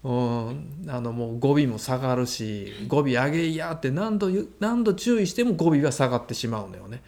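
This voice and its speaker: Brief: Kansai-accented man, mentor guest, animated storytelling, pitch swings widely. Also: a little fast, creaky. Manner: animated, chuckles while recounting. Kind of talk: conversational storytelling.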